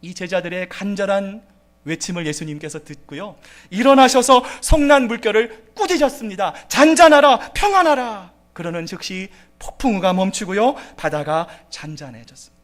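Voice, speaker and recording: A man with a very high voice preaching a sermon in a church. He swings between hushed asides and loud, pleading outbursts, often calling out to his congregation. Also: moderate pace. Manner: dramatic preaching, acts out pleading voices, frequent "여러분" and "자". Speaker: pastor.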